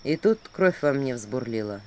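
A woman voicing a grieving, heavy-hearted male prince in a fairy-tale audiobook, speaking slowly and low. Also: lively intonation, dark tone. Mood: brooding. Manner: slow, low, heavy storytelling voice.

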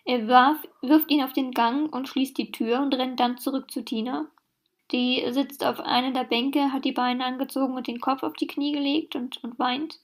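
A woman's voice: high-pitched, steady tone, normal speed. A woman reading a story aloud in a mocking tone, reading the punctuation out and breaking off for dry sarcastic comments. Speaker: reader of a fan text.

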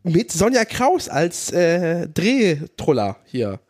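A man's voice: a little high, wildly swooping pitch, takes it slowly, darkish tone. A man in casual chat as a podcast co-host, with a teasing way of talking.

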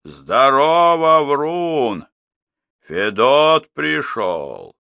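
A man reading the part of a hearty, proud old woodsman who hollers long drawn-out calls. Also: fairly low pitch, fairly bright tone, clear, resonant tone. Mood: hollering.

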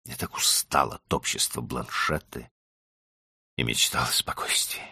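A man's voice: very deep voice, fairly even intonation, a little slow, creaky, sharp tone, slightly rough, dry recording, clean studio sound. A man narrating an audiobook in the first person, with dramatic storytelling. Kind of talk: scripted narration.

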